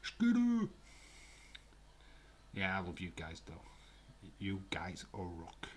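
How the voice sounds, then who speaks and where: Low-voiced and slow, with wildly swooping pitch, a Glaswegian man chats with viewers during a live watch-along he streams from a room at home. He's from Scotland, rambling casually and leaning on fillers, and a little hiss or hum can be heard.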